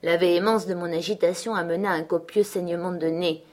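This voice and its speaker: A woman reading a novel aloud as an audiobook narrator, in measured, steady narration. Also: lowish voice.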